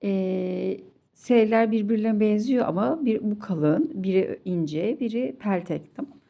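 Patient woman teacher, children's reading drill, very slow, gravelly low-lit tone. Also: mellow. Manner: patient, drills syllables with repetition, addresses children fondly. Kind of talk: slow children's recitation lesson.

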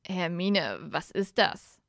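A woman's voice: lowish voice, big pitch swings, slow pace, fairly bright tone, no echo, studio quality, heavily acted. A woman doing a worried young wizard, hesitant. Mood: stammering. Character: worried young male wizard, best friend.

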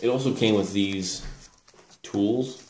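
Low-pitched man, rambling in an echoey room. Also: slow. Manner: hesitant, rambling, self-correcting. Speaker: presenter reviewing collectible military gear. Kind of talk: casual unscripted show-and-tell. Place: small indoor room at a table. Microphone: camera mic, speaker off screen. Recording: roomy echo with background hiss.

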